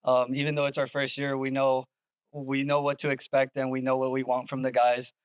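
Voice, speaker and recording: A men's soccer coach answers questions in a measured way, pausing often. His voice is smooth and clear with little movement in pitch. The sound is dry and close. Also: monotone, dry recording. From Yakima, Washington. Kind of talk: interview answers.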